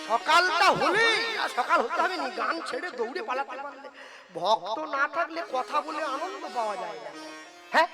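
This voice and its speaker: Male kirtan preacher, very high voice, folksy storyteller, loud instruments behind. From West Bengal. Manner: folksy storytelling, acts out dialogue, rhetorical questions. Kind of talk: kirtan sermon to a live audience. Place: evening religious gathering on stage. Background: musical instruments.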